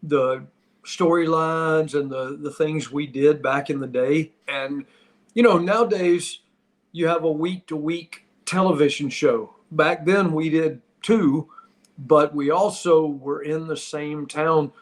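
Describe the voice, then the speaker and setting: Middle-aged male ex-wrestler guest, somewhat high voice, casual storyteller, halting repeated phrasing. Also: steady tone. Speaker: guest, former pro wrestler. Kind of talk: casual reminiscing chat.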